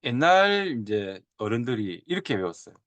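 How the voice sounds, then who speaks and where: 옛 문헌을 보여 주며 예시 발음을 되풀이해 가며 강의하는 남자 교사. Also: male voice, medium pitch, normal speed, no echo. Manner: animated, drawls and repeats example sounds. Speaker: teacher. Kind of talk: lecture on old Korean script.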